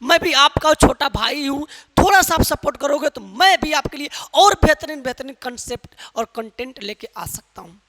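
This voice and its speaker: In a long, reverberant hall, a man from Uttar Pradesh, India, teaches an English lesson, drilling pronunciation with repeated questions and calling his listeners brother. His voice is extremely high, animated, pushed and bright, at a moderate pace with few pauses.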